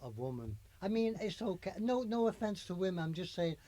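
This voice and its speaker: A man's voice: high-pitched, very animated, a little fast, warm tone. A man co-hosting a silly music podcast, chatting playfully. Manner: playful, joking. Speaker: podcast co-host. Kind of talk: silly casual chat.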